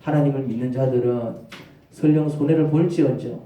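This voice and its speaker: A male pastor with a Gyeongsang dialect preaching a lively, conversational sermon that acts out dialogues. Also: medium pitch, a little fast. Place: church sanctuary. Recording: echoey church hall, mic far off.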